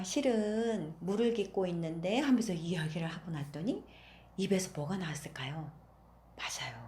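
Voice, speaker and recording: Lively, lowish-voiced woman telling kids a story. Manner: gentle, asks listeners questions, many fillers. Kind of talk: children's story reading.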